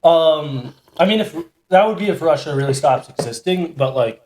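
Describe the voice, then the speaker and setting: A man's voice: a little high, lively intonation, moderate pace, darkish tone, a little hiss or hum. A man co-hosting a casual podcast, thinking aloud with many fillers and restarts. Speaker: podcast co-host. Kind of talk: casual chat.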